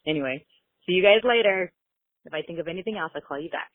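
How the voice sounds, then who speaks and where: A woman's voice: lowish voice, fast, no echo. A woman from Long Beach, California, leaving a chatty, upbeat voicemail for a podcast as a caller. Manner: chatty and upbeat, inviting listeners. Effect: leaving a voicemail over the phone. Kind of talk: casual voicemail message. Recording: tinny phone line, dry.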